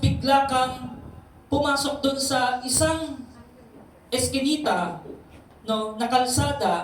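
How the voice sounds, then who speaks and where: A man preaching a sermon as pastor, talking conversationally and often asking the congregation questions. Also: very high-pitched. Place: church hall. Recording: very echoey hall, distant mic, faint noise.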